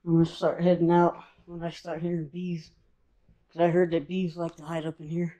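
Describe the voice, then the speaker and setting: A man's voice: fairly high pitch, flat delivery, moderate pace, warm tone, low-quality recording. A man casually narrating as he walks through empty abandoned houses, making offhand comments while filming on a handheld camera. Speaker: urban explorer vlogger.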